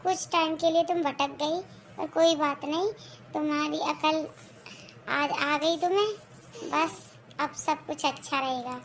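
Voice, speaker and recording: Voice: high voice, fairly even intonation, measured pace, pauses often, a bit bright, a little hiss or hum, pitched below the performer's own voice. A performer voicing a middle-aged father in a homemade cartoon, stern and approving. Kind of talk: cartoon voice acting.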